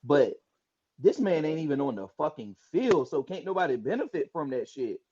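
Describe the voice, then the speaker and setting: Male co-host, higher voice with lots of swing, emphatic sports rant, lo-fi sound. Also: normal speed, husky. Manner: animated, emphatic, profane. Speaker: podcast co-host. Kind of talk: casual sports talk. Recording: muffled lo-fi podcast audio.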